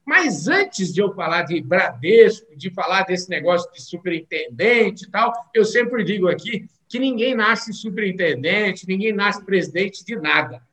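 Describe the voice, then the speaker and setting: Enthusiastic male podcast host, high and bright, sing-song delivery. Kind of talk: upbeat interview hosting.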